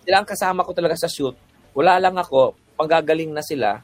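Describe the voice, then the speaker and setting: Man telling studio stories, fairly high. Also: fast, dry recording. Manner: relaxed storytelling, mixing English in. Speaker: guest photographer. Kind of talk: casual podcast chat.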